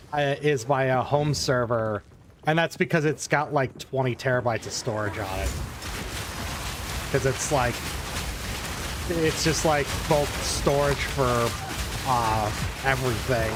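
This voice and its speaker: A man's voice: mid-range voice, background noise. A man live-streaming a game, chatting casually and rambling as he answers viewers' questions. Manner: rambling, talks around answers to chat questions. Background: game music.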